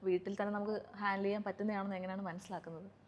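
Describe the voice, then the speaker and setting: A woman's voice: medium pitch, level tone, very fast, darkish tone, a little hiss or hum. A woman with a Kerala Malayalam accent hosting a health interview, asking questions with fillers and many short acknowledging hums. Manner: hesitant questions with fillers, frequent "mm" backchannels. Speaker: host.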